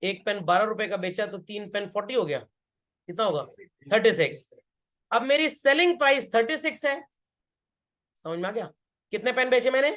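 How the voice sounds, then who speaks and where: A man's voice: high-pitched, moderate pace, pauses often, a bit bright. Male accountancy teacher checking understanding. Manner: keeps asking students whether they understood; repeats key points. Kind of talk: classroom lecture.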